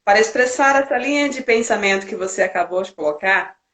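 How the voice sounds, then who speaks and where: A woman's voice: mid-range voice, lively intonation, fairly quick, fairly bright tone, roomy sound. A woman interviewer asking probing questions in a conversational way.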